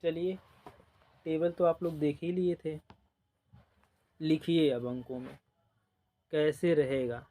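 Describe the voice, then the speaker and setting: Slow, patient man teaching numbers. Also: on the high side, steady tone, dark tone. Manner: explains patiently, repeats numbers, drawn-out counting; says "dekhiye" and "ok" often. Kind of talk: slow step-by-step classroom teaching.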